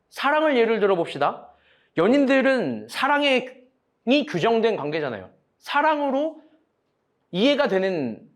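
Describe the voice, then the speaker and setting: Young male preacher, high animated voice, casual and joking in his sermon. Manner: casual, joking, acts out quoted arguments, direct questions to congregation.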